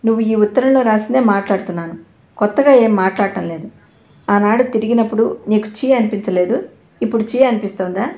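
A woman's voice: medium pitch, fairly quick, dark tone, natural voice. A bitter, accusing young husband, as a woman narrator voices him in an audio novel. He sneers and snaps at his wife, his voice set in a roomy, echoing space. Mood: mocking. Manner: accusing, mocking, harsh. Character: angry suspicious husband, young man.

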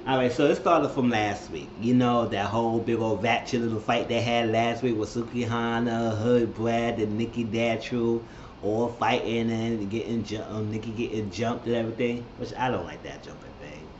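A man recapping a reality show episode in casual, gossipy commentary, animated and quick to act out what people said. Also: medium pitch, echoey room, muffled recording, noisy background. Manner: animated, gossipy, acts out the quotes. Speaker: reality TV reviewer.

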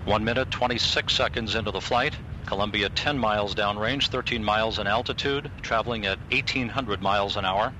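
A man's voice: fairly quick, pushed and bright. A man giving factual, procedural live flight commentary from mission control. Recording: clearly noisy broadcast with rumble.

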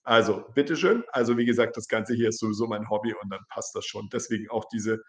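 A man's voice: on the low side, quick pace, echoey room. A man teaching German in a casual live-stream, reading out viewers' comments, correcting them and saying goodbye to each by name. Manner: friendly, repeats viewers' sentences and corrects them; says goodbye to viewers one by one.

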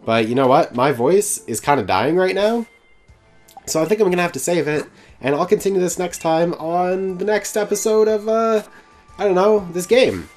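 A man's voice: sits high, fairly quick, darkish tone, faint music behind. A young man giving casual let's-play commentary, with sarcastic, rambling asides.

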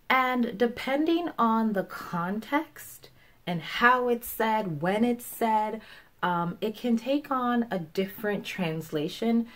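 Slow-spoken woman teaching English. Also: mid-range voice. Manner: patient, explanatory, friendly. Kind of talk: video English lesson.

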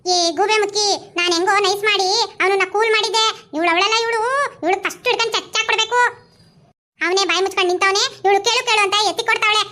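A woman acting a sly, smooth-talking village woman in a comedy skit, coaxing and quick to retort, with a Mandya Kannada accent. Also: extremely high pitch, steady tone, bright, forceful tone. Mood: wheedling.

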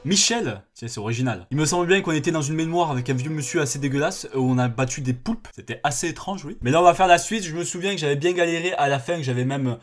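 A young man giving casual let's-play commentary as a gaming YouTuber, excitable and swearing often as he laughs at his failures. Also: a little high, quick pace, few pauses.

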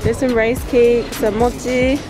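A young woman in her twenties narrates a casual travel vlog, walking busy city streets, markets, and shops with a handheld camera held at arm's length. Her fairly high voice barely moves in pitch and runs a little slow, upbeat and chatty with lots of fillers, especially "like". Music and crowd noise play behind her.

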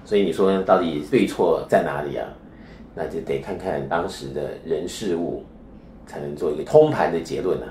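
Man, spiritual teacher, very low voice, lecturing with rhetorical questions, echoey room. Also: normal speed, darkish tone, slight background noise. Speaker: spiritual teacher being interviewed. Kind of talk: explanatory interview talk.

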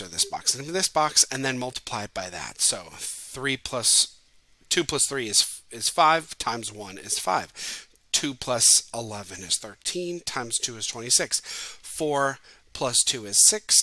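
A man's voice: medium pitch, pushed and bright, no echo. A male teacher chatting through a casual recorded class video, upbeat and playful as he explains the week's assignments.

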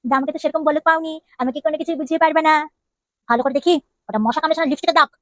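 A woman's voice: high-pitched, fairly bright tone, dry recording. A woman acting a jealous, nagging young wife in a comedy skit, firing off scolding questions. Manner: scolding, interrogating with rapid questions.

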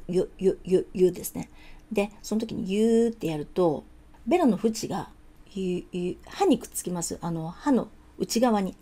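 A woman whose first language is Japanese leads a pronunciation lesson with a warm, mellow voice. She repeats each word patiently and half-sings the lyric lines slowly, in a calm, even register. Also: medium pitch. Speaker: English pronunciation teacher.

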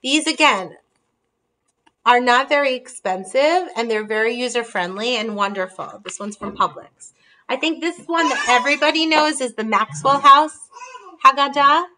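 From her dining room, a woman in her thirties runs a casual video call on her laptop camera, explaining holiday table ideas and holding up books to show them. She sounds high-pitched and animated at a normal speed, her tone pushed and bright, with slight background noise. She comes across as friendly.

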